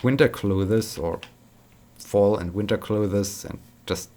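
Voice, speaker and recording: Man, casual gaming chat, tired, repeats himself, slightly low voice. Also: slow pace, darkish tone. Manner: rambling, repeats words, tired but upbeat. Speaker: gaming vlogger. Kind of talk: casual chat while playing.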